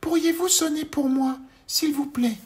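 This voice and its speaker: Casting: a tiny polite squeaky little man, high and bright, storybook. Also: unhurried. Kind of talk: children's audiobook reading.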